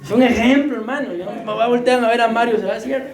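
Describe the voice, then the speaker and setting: A man's voice: extremely high pitch, fast, roomy sound, faint music behind. A man preaching a sermon, joking and questioning his congregation, short of breath. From Costa Rica. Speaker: pastor. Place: church hall.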